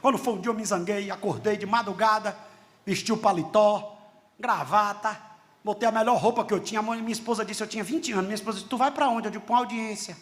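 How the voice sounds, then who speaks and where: A middle-aged man with a Brazilian Portuguese accent preaching a sermon as a pastor, telling stories with dialogue and rising to shouts. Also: high voice, fast. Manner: animated, shouting at peaks, storytelling with dialogue.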